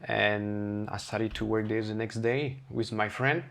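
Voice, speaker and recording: French-accented chef telling kitchen stories. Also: male voice, lowish voice, unhurried, gravelly. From France. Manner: candid, animated, acts out quoted lines. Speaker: chef, podcast guest. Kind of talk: casual storytelling interview.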